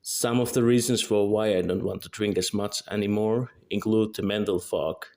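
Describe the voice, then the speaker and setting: Here a young man from Finland, in his early twenties, reads a prepared monologue, patching up small slips as he goes. The video creator's voice is fairly low, steady and darkish at normal speed, with a Finnish accent from his first language.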